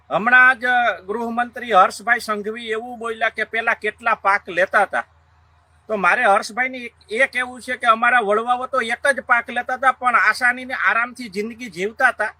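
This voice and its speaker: A man's voice: extremely high pitch, bright, forceful tone, no echo. A man speaking for farmers in an earnest direct statement, answering a minister by name. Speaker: opposition party worker speaking for farmers.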